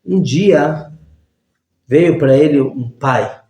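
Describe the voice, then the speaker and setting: Man, rabbi, storytelling lesson, higher voice, echoey room. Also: drawn-out words. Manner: animated storyteller acting out voices. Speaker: rabbi teaching a class.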